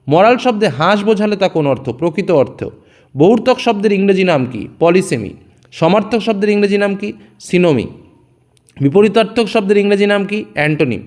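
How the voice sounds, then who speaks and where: Lively high-pitched male teacher drilling answers. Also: moderate pace. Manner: reads each question then drops lower and softer for the answer. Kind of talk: exam question-and-answer revision.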